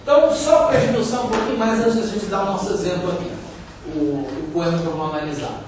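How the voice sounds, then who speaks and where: High-voiced Brazilian man lecturing in an echoey hall. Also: quick pace. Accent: Brazilian Portuguese. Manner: explanatory, frequent tag questions. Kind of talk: university lecture. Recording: very echoey hall, distant mic, faint hiss.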